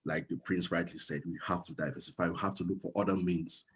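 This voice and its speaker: A young man from Cameroon's Northwest region is a guest in a casual interview, hesitating with many fillers and restarts. His voice sits low and husky, with a steady tone, and he talks fast.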